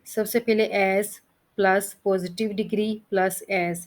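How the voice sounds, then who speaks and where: A woman's voice: mid-range voice, fairly even intonation, slow. A woman teaching English grammar, explaining rules step by step, spelling out letters and reading lists of word forms. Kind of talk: Hindi-language grammar lesson.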